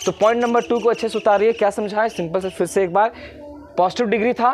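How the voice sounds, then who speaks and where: Male teacher, high-pitched, quizzes students with repeated questions while drilling a rule. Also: steady tone, quick pace, darkish tone. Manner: drills by repetition. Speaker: grammar teacher. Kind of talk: classroom lecture.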